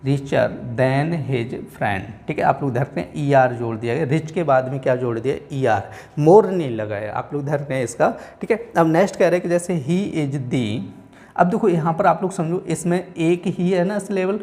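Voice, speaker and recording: In a Hindi-language class, a man with a Hindi-speaking Indian English accent teaches English grammar in a fairly high, slightly mellow voice. He often repeats "theek hai" and "aap log dhyan rakhen," slowing down to read example sentences word by word.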